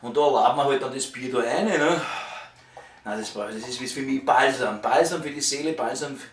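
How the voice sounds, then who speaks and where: A man's voice: mid-range voice, a little fast. Viennese guy in his 50s ranting like a grumpy waiter, sweary and rambling, echoey room, bit of background noise. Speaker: waiter venting about the job. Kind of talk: casual rambling vlog rant. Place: at home, indoors. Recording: roomy echo, distant mic, clicks and noise.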